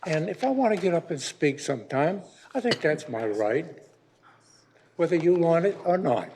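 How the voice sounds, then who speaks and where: At a city council meeting, an octogenarian man grumbles and rambles through his public comment, restarting frequently. His slightly high, mellow voice has lively intonation at a moderate pace, and there's a light hiss or hum in the recording.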